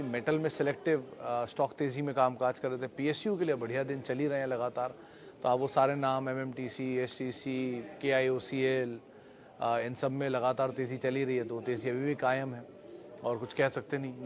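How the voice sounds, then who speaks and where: Male market show host, mid-pitched, steady explainer with filler pauses. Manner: steady explanatory delivery with frequent filler hesitations. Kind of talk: daily stock market wrap-up.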